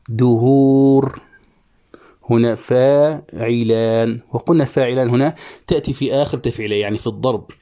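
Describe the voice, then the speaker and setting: A middle-aged man teaching a lesson on poetic meter, scanning verses slowly and chanting each syllable. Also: mid-range voice, mellow. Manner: slow deliberate syllable-by-syllable scansion, drawn-out chanting of syllables. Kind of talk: Arabic prosody lesson.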